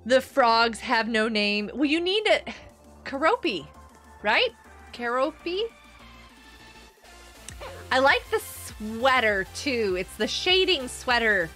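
Chatty mom streamer on a headset mic, crisp bright voice, laughs a lot. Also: female voice, a little high. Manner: chatty, greets viewers by name, laughs often. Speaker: livestream host and homeschooling parent. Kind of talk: casual livestream chat while playing a game.

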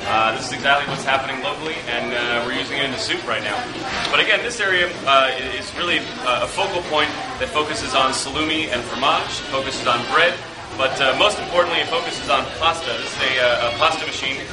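A man in his thirties, a restaurant chef, giving a walkthrough interview with frequent uh pauses. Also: medium pitch, loud music behind the voice. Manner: hesitant, many filler uhs. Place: restaurant wine cellar and dining rooms, indoors. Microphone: camera mic, handheld camera close by. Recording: echoey room, noisy background hum.

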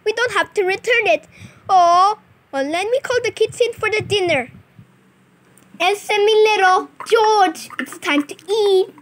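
A woman tells a toy play story in a very high voice. She takes her time, drawing out each line and filling the scenes with sing-song sound effects and little character voices. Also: unhurried.

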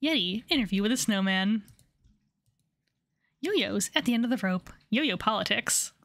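Woman livestreamer for casual game commentary: playful, giggly, very lively intonation, dry close sound. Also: medium pitch, a little slow, dry recording. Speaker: game streamer.

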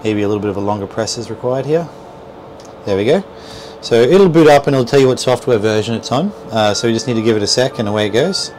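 A boat dealer presenter in his thirties gives an informal instructional walkthrough in a small boat cabin at a marina, explaining with hesitant, repeated words. His medium-pitched voice is quick, picked up on a clip-on lapel mic against the cabin's noisy, steady hum.

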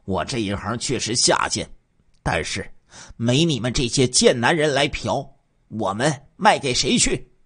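A man voicing a brash, mocking female streetwalker who taunts in shrill bursts, as part of a dramatized crime story. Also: big pitch swings, measured pace, a bit bright, slightly rough, exaggerated voice.

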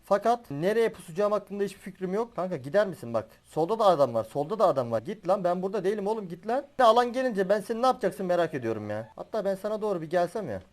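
A young man commentates his own battle royale gameplay with a fairly high voice. He is excitable and laughs and swears as the match goes on. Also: fast, hardly any pauses. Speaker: gaming YouTuber.

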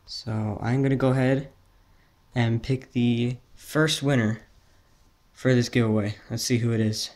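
A man's voice: medium pitch, steady tone, a little slow, darkish tone. Young American teenage guy, casual vlogger. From New Jersey, United States. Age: teens. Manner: casual, addressing viewers as guys. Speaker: fishing channel host. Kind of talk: casual vlog giveaway announcement.

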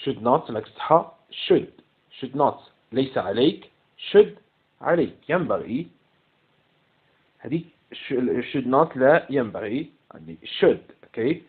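A man's voice: medium pitch, animated, slow, breathy edge. A man with an Algerian Arabic accent corrects an English exam, repeating each English word and explaining it in Arabic. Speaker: English teacher. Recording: tinny phone-like sound.

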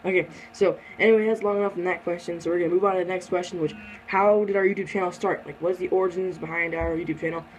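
A teenage boy hosting a casual chat, always hurrying the talk on to the next point. His voice sits a little high, with faint noise behind him. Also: steady tone. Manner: hurried, steering the talk along. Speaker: channel host.

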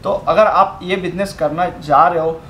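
A steady sales pitch, punctuated by filler pauses, comes from a young man with a somewhat high voice describing saree fabrics and work. This product demonstration takes place indoors in a fabric showroom, with echo and a light hum audible.

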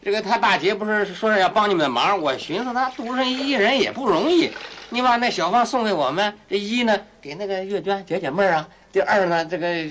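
A man's voice: high-pitched, expressive, a little fast, fairly bright tone, slight background noise. An actor playing a good-natured husband who rambles, hesitates and fills his talk with fillers. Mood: hesitant asking. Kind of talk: 1990s TV drama acting.

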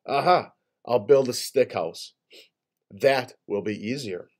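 A man's voice: mid-range voice, lively intonation, slow pace. A man voicing a lazy young male gator with a dismissive manner in a storybook reading.

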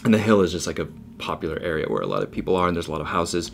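A man's voice: sits low, sing-song, rapid-fire, creaky, slight background noise. A young man co-hosting a casual podcast, telling a long story loosely with many fillers. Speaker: podcast co-host. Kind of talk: casual chat.

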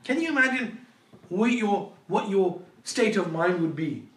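Guy teaching a quran class, jokey storyteller, kinda high voice, far off mic in a roomy hall. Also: animated, unhurried, fairly bright tone. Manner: joking storyteller, acts out quoted dialogue. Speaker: Islamic teacher. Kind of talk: Quran lecture. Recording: echoey room, voice far from the mic.

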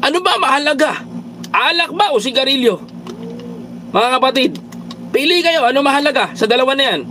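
A Filipino man with a high-pitched voice hosts a casual political commentary livestream, reading viewer comments aloud. He lectures his audience as brothers and countrymen, slipping English phrases in among his words. Faint vehicle noise hums behind him. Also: expressive, a little fast, sharp tone, rough recording. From Philippines. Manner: preachy, repeatedly addresses viewers as brothers and countrymen.

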